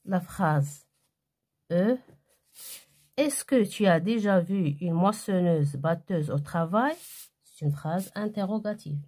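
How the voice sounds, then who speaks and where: Woman, primary grammar lesson, very slow reading, lowish voice, deliberate. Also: mellow, slightly rough. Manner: slow and deliberate, reading aloud then answering each exercise. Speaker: primary school teacher.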